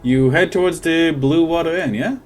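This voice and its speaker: A man improvising descriptive narration as game master of a tabletop game, speaking haltingly. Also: a little high, faint music behind.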